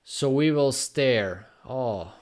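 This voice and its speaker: A man from Slovakia with a Slovak accent, chatting casually on a live stream and answering viewers' questions in a rambling, unhurried way. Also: mid-range voice, lively intonation. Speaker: graffiti artist live streamer.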